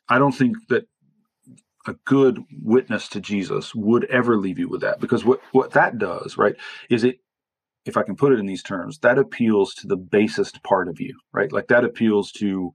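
A man with a low, gravelly voice answers interview questions in a reflective, qualifying way. He keeps checking in with "right?" as he builds each point. The sound is dry and close. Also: no room sound. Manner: thoughtful, qualifying with frequent "right?". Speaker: author and theologian guest.

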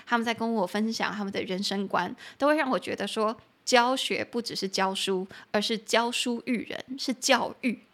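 A young woman with a bright, clear voice pitched a little high, teaching English on her podcast. She chats along in Mandarin, drops into English for example phrases, and slows down to spell words out letter by letter. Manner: chatty, switches between Mandarin and English, spells words out slowly. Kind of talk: bilingual language lesson.

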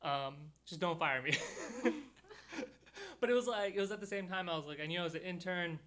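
Young male podcast host, casual and chatty, bright and crisp, slightly high. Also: a little fast. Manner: relaxed storytelling with many fillers. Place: studio.

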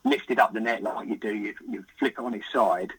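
A young man, a podcast guest recounting a catch in excited, vivid casual chat with the odd swear word. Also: fairly low pitch, brisk, slightly rough, low-quality recording. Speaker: podcast guest, carp angler.

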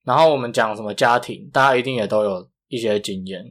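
A man with a marked Taiwanese Mandarin accent and flat, non-retroflex consonants, chatting casually as a podcast co-host. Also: lowish voice, quick pace. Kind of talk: casual chat.

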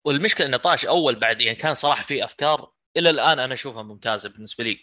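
A man's voice: mid-range voice, racing, sharp tone, dry recording. A man with a Saudi accent hosting a casual podcast chat. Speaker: podcast host.

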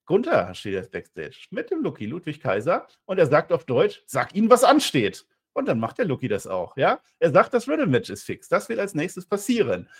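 A man co-hosting a wrestling review podcast, recapping the show as an animated storyteller. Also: a little high, normal speed, hardly any pauses, breathy edge.

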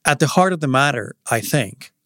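A man's voice: medium pitch, lively intonation, normal speed, a bit bright, dry recording, clean studio sound. A man who is a staff writer, explaining news as a guest in a podcast interview. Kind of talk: explanatory news analysis in conversation.

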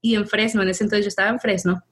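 A woman telling her personal faith testimony in casual conversation, animated and quick to laugh as she acts out what people said. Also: medium pitch, slightly rough. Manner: animated storytelling, laughs often, acts out dialogue.

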